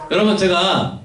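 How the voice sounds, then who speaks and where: A male pastor preaching a sermon in a lively way, acting out little conversations for his congregation. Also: sits high. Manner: animated, acts out dialogue. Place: church sanctuary. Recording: echoey church hall, mic at a distance, faint noise.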